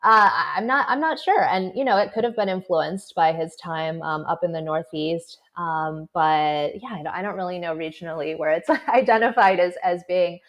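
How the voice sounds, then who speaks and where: A woman, a political correspondent, chatting as an interview guest, laughing often and filling pauses with "um" and "you know". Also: fairly low pitch, fairly bright tone. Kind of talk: conversational interview. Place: South Florida.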